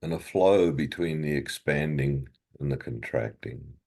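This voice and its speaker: This meditation guide speaks softly and slowly, letting long pauses fall after each short phrase. His voice rumbles low, with a creaky, breathy edge.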